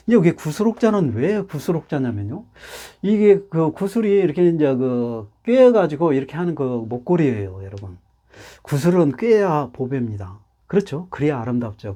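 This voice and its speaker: This male speaker is a Hanja teacher whose voice sits at medium pitch, warm and slightly rough. In an animated lesson on Chinese characters, he walks through each point patiently, going over things again and again.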